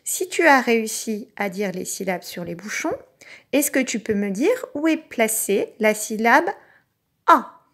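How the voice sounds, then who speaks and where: A woman teacher giving a recorded lesson to young children, speaking patiently and sounding out each syllable clearly. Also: fairly high pitch, animated, measured pace, a bit bright. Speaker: kindergarten teacher.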